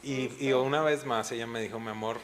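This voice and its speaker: A middle-aged man, a pastor, speaks briskly in a mid-range voice with fairly even intonation while slight background noise plays. He's giving a testimony in a pastors' panel talk, earnestly sharing a personal story and sometimes revisiting tearful moments.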